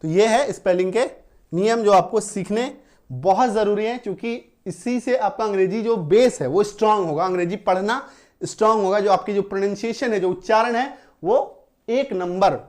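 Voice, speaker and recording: A man's voice: high voice, moderate pace, a little mellow. Male tutor, explains patiently, spells letters out one by one, repeats rules, keeps checking that the class follows. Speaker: English teacher. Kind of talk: classroom-style spelling lesson.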